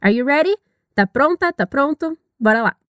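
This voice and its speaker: A woman from Brazil teaching English in a scripted audio lesson, upbeat and encouraging, with slow drilled repetitions. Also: high-pitched, animated, a bit bright, dry recording, clean studio sound.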